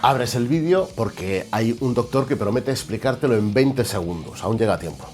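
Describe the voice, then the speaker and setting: A man with a Spanish accent from Spain, hosting a show with an exaggerated comic monologue and mock shouting asides. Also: mid-range voice, animated, moderate pace, soft background music. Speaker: host.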